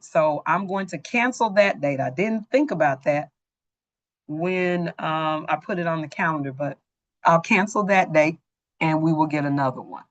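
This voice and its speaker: A woman on a school staff addressing parents in an online meeting. She speaks in a plain, organized way with frequent ums and restarts, through a computer mic on a video call. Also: on the low side.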